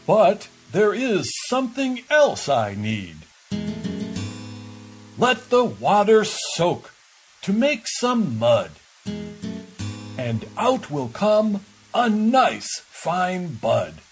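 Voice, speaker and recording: A storybook reader voicing a hopeful farmer in a higher, drawn-out voice. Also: wildly swooping pitch, music in the background, heavily acted. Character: hopeful farmer planting seeds.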